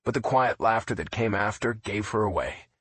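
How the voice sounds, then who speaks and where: Husky male romance audiobook narrator. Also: lively intonation, moderate pace, fairly bright tone, no room sound. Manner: low, intimate first-person reading.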